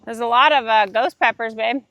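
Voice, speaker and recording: A woman's voice: on the high side, brisk, muffled recording. A woman, chatting casually and laughing easily while vlogging outdoors in a farm garden. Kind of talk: casual vlog chat.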